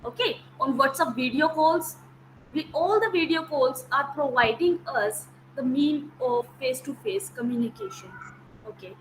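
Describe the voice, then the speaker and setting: On a low-quality video call recording with a faint hiss or hum, a high-pitched woman speaks at a moderate pace. She is an academic counsellor and native Hindi speaker giving an online lecture, explaining step by step, repeating key terms and making sure students keep up.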